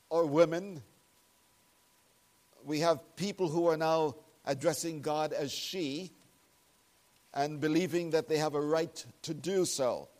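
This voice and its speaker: A male pastor preaches into a pulpit microphone in a church sanctuary. His voice sits fairly high for a man, and he unhurriedly leans on key words with earnest, solemn emphasis. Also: darkish tone. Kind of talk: prayer and sermon.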